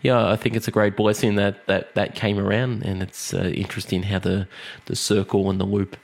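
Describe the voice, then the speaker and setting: A man hosting an interview, with a low voice and a gravelly texture. He sums up what his guest said in a reflective way, then moves to his next question. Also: flat delivery, moderate pace. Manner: reflective, sums up the guest's story before asking. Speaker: interview host. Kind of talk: casual interview.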